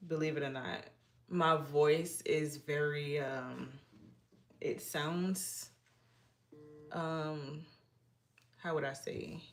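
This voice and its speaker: Very slow and pausing often, a middle-aged woman from Massachusetts, United States talks in a low voice with fairly even intonation. She's hosting a casual livestream, chatting with viewers in a shy, rambling manner full of restarts.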